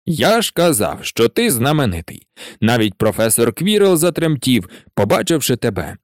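A man doing a big friendly giant, lively. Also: medium pitch, moderate pace, no room sound, clean studio sound, lightly acted. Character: big warm male giant, folksy dialect.

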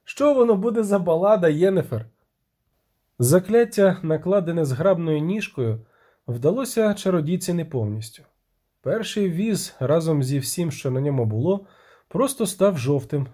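A man's voice: fairly high pitch, mellow. A man narrating a fantasy audiobook expressively, giving the characters voices.

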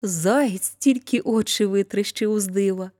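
A woman narrating a fairy tale aloud in an expressive storybook reading. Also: medium pitch, unhurried.

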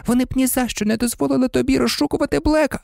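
A man's voice: extremely high pitch, fairly even intonation, rapid-fire, creaky, darkish tone, dry recording, clean studio sound, voice pushed up, heavily acted. A man voicing an anxious teenage schoolgirl who urgently pleads with her friend. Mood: pleading. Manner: urgent, imploring.

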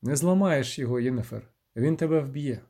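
A man's voice: mid-range voice, a little fast, warm tone, close to an everyday voice. Man voicing a grim terse witcher. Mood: grave. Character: grim weary adult male witcher.

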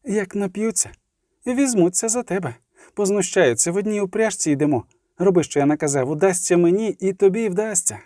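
A man reading aloud and voicing a cold, scheming young male captive who hisses hushed orders through a smile. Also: high voice, very animated, brisk, few pauses, husky, no echo, clean studio sound, pitched above the performer's own voice, exaggerated voice. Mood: hissed urging. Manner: hushed hissing commands.

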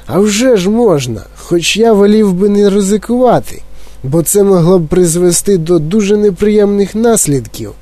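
A man's voice: high voice, expressive, moderate pace, warm tone, no room sound, pitched above the performer's own voice. A man reading aloud puts on an eccentric old chocolatier with a raised, fussy voice that keeps exclaiming in indignation. The storybook reading sounds dry and close. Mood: flustered. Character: eccentric excitable male chocolatier, older. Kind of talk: audiobook character voice.

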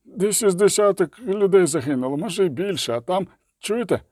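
A man's voice: sits high, lively intonation, brisk, darkish tone, no room sound, clean studio sound, pitched above the performer's own voice. A man reading aloud voices a terrified male mercenary who blurts out his report in panic. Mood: panicked. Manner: panicked, growling outburst.

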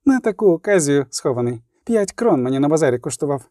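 A man's voice: a little high, sing-song, fast talker, mellow, no room sound, clean studio sound. A man doing a curt young woman archer. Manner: curt, hissing.

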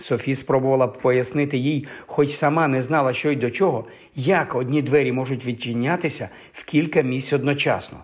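A man narrating a fantasy audiobook in a measured, expressive storytelling manner. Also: mid-range voice.

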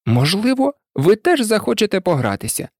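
Self-important male turkey, voiced by a storyteller, easily offended, slow grand pronouncements, swooping voice, dry close sound. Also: medium pitch, big pitch swings, a little mellow, no room sound, voice pushed up. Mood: pompous. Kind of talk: storybook reading.

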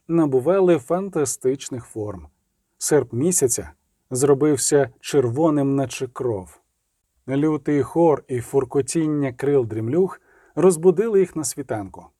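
A man narrating a fantasy audiobook in a steady, dramatic storytelling manner. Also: on the high side, no room sound, clean studio sound.

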